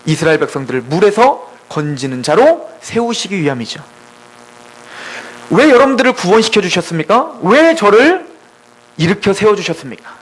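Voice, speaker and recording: Man, preacher, sermon, very high voice, animated storytelling, asks questions. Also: low-quality recording.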